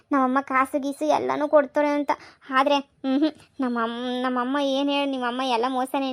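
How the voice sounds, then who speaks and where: A woman playing a tearful young married daughter who complains and pleads, in a comedy skit. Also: high voice. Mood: complaining. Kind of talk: village comedy skit acting.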